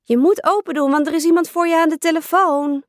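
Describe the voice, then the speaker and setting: A woman's voice: high voice, measured pace, darkish tone, no echo, clean studio sound, pitched above the performer's own voice. A woman voicing a pushy, whiny little girl who pesters her older sister. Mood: insistent. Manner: whiny, pleading.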